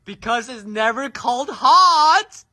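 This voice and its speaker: Bright-voiced prank video man. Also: very high voice, animated, slow pace.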